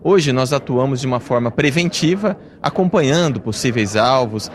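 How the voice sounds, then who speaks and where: A Brazilian man, a security official, speaking formally and seriously in an interview. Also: medium pitch. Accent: Brazilian Portuguese. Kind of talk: interview statement.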